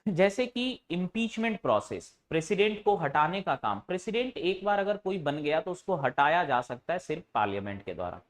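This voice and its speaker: A man with a fairly high pitch lectures a class with lots of rise and fall in his voice, throwing questions at students and supplying the answers himself. He's informal with them and teases them at times.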